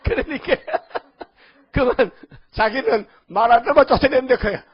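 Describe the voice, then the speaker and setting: Folksy preacher with a high voice. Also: male voice, normal speed, husky. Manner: folksy, rambling, calls out to the congregation. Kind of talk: sermon. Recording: dull lo-fi audio.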